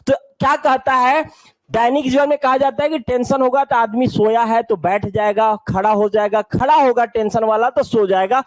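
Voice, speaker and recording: Guy teaching maths online, really high pitched, playful, keeps asking the class stuff. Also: fairly even intonation, moderate pace, no echo, poor audio. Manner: playful, repeats "look carefully" and asks the class questions.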